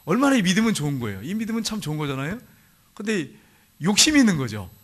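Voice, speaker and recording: Korean pastor guy preaching in church, fairly high voice, asks the congregation stuff. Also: very animated. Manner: asks the congregation questions directly; reads scripture slowly. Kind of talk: sermon. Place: church sanctuary.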